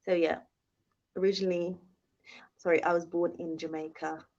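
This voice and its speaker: A woman's voice: on the low side, level tone, normal speed, a little mellow. Chatty woman on a dull phone stream. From United Kingdom. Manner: chatty, reads viewer comments aloud, thanks viewers often. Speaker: vlogger hosting a live Q&A. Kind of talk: casual live-stream chat. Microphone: phone held in hand. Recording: dull lo-fi live-stream audio.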